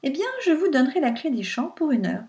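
Cheeky storybook farm boy, gleeful and mocking, bright higher voice, a woman putting him on. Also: very animated, fast talker, far from the mic, dull audio. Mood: bargaining.

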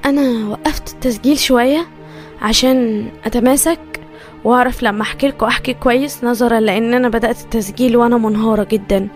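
A woman voicing a young Egyptian woman who stutters and speaks hesitantly and quietly in a recorded message. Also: on the high side, steady tone, fast talker, soft background music, pitched below the performer's own voice, natural voice. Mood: somber.

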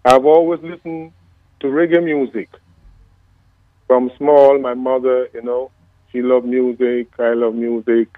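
Man, from Guyana, 50s, phone guest, devout and thankful, unhurried, tinny phone line, dry. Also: mid-range voice, level tone, no echo. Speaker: reggae singer, phone-in guest. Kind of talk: relaxed storytelling interview.

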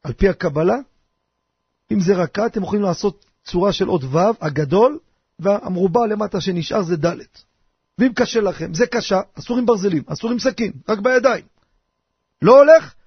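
An older man, a rabbi, giving a lively radio sermon full of rhetorical questions in a husky voice. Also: sits high, dry recording. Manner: animated, theatrical, rhetorical questions. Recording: dry, dull lo-fi radio recording.

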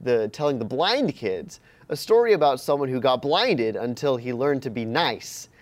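A man's voice: medium pitch, moderate pace. A man casually recapping a movie plot in a chat, telling it with laughs and acted-out quotes. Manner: animated, laughing storyteller who acts out quotes. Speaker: podcast co-host recapping a movie. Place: room shared with the other hosts.

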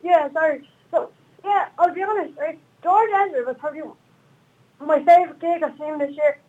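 A woman's voice: high-pitched, normal speed, mellow, lo-fi sound. A woman calling in to a radio show, chatting and giggling as she tells a story. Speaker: caller guest. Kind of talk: casual chat.

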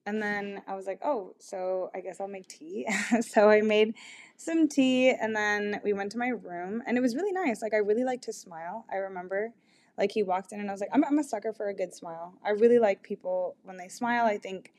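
A woman's voice: medium pitch, a little fast, darkish tone. Young woman, casual vlog storytelling, filler-heavy, candid, giggly. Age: young adult. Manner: chatty, filler-heavy with constant "like" and "um"; candid and giggly, laughs mid-sentence. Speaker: vlogger.

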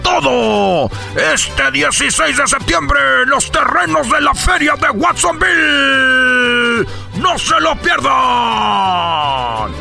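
A bombastic ringmaster hypes a festival in a parody commercial. The voice is high and shouted, swooping widely and stretching out words, with music behind it. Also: male voice, sing-song, creaky, heavily acted. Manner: shouted, drawn-out ringmaster announcing. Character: bombastic ringmaster-style announcer hyping a rodeo festival.

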